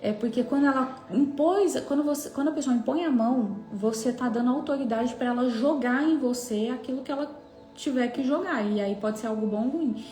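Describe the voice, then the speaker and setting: A woman's voice: high-pitched, a little fast, warm tone. A woman giving an emphatic, fervent devotional testimony and acting out prayers and dialogue. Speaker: preacher. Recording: echoey room with faint music.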